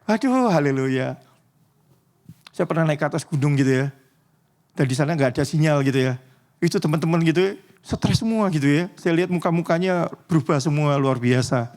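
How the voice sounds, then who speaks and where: A male preacher with a high voice gives a casual church sermon. He jokes with the congregation and keeps asking them to agree. At dramatic moments he sinks into a near whisper. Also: lively intonation, fairly quick, a little mellow. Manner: chatty, joking, often asks the congregation "betul ya?".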